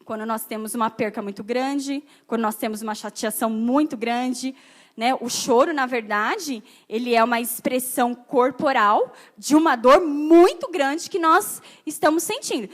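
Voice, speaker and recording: A woman's voice: a little high, moderate pace. A Brazilian woman pastor preaching a sermon, often asking the congregation questions. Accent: Brazilian Portuguese.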